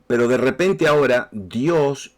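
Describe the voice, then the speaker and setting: A man's voice: medium pitch, measured pace. A man preaching a sermon in a Rioplatense Spanish accent, talking straight to the congregation and often repeating his words. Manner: conversational, repeats words, speaks directly to listeners. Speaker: pastor.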